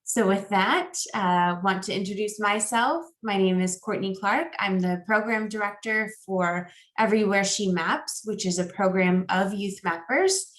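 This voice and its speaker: A woman's voice: medium pitch, measured pace, hardly any pauses, roomy sound. An American woman, a program director, welcoming attendees to an online workshop in a friendly, upbeat way. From United States.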